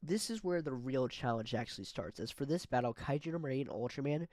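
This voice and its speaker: A man's voice: medium pitch, animated, fast talker, a little mellow, dry recording. A man hosting an online monster battle video, talking through the matchups in a casual, hesitant way with frequent fillers. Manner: hesitant, filler-heavy delivery. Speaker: YouTube battle-video host. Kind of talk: casual scripted commentary.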